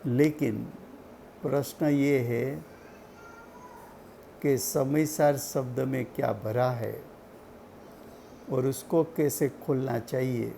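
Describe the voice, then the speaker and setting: A man giving a slow, deliberate religious study lecture, repeating key points for his listeners. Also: medium pitch, steady tone, gravelly, warm tone, a little hiss or hum. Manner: slow, deliberate teaching with repetition. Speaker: scripture teacher.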